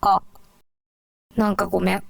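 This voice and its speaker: A teenage girl in a scripted comedy duo, asking questions and reacting in drawn-out replies. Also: medium pitch, flat delivery, creaky, no room sound, studio quality. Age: teens.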